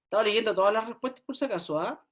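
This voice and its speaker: A woman's voice: mid-range voice, very fast. Woman teaching online, going over quiz answers, keeps checking in and humming while she thinks. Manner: checks in often with "¿ya?" and thinks aloud with hums. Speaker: university lecturer.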